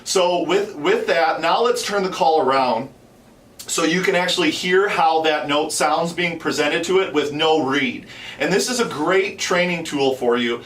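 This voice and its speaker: Male instructor, thirties, slightly high voice, explanatory and repetitive; echoey indoor recording with background noise. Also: a little slow, a bit bright. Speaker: host and duck calling instructor. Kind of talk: unscripted instructional talk. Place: small wood-panelled shop room, indoors. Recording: roomy, distant, noisy pickup.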